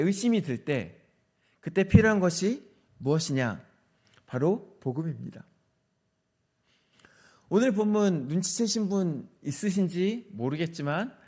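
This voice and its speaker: A middle-aged male pastor preaching in a relaxed, conversational way to a youth service. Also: on the high side. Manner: conversational, acts out quoted dialogue. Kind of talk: sermon.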